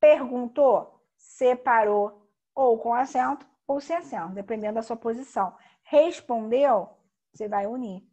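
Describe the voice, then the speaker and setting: A woman teacher giving a recorded grammar lesson, explaining slowly and emphatically with frequent tag questions. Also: on the high side, darkish tone.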